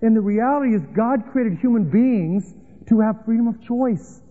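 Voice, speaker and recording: A man preaching a sermon in a conversational, teaching way, acting out the scripture as he goes. His voice is high for a man. It comes through narrow and phone-like, with a long reverb trailing after every phrase. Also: normal speed. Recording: tinny phone-like sound with long hall reverb.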